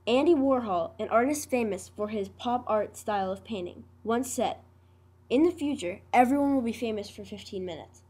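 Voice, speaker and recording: A woman's voice: fairly high pitch, normal speed, a little mellow. A woman from Pittsburgh reading a scripted documentary narration as a reporter. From Pittsburgh, United States.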